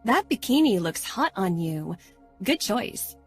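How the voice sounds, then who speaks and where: A woman's voice: medium pitch, big pitch swings, a little slow, soft background music. A woman voicing a sassy, teasing teenage girl who talks in a mocking sing-song.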